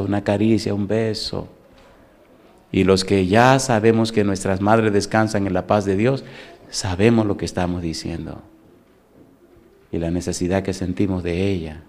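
A man's voice: on the low side, darkish tone. A middle-aged man preaching a sermon as pastor. He talks conversationally and keeps asking the congregation rhetorical questions.

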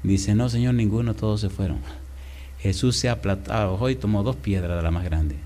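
A middle-aged man preaching a sermon, telling stories and calling out questions to the congregation with big swings in loudness. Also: lowish voice, normal speed. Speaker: pastor. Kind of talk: sermon with storytelling.

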